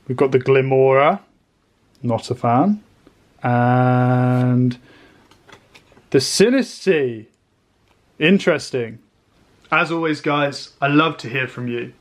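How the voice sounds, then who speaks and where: A man with a mid-pitched voice presents a collectibles review as host. His delivery is expressive and eloquent, slipping into casual slang, somewhere between scripted narration and relaxed commentary. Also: a little slow, pauses often. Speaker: trading card reviewer and host.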